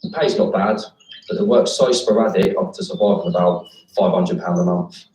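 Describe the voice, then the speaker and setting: A young man speaks hesitantly in a documentary interview, with a resigned air. His voice is low-pitched and heard from a distance in a roomy space. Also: fairly even intonation, moderate pace. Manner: soft-spoken, hesitant, resigned.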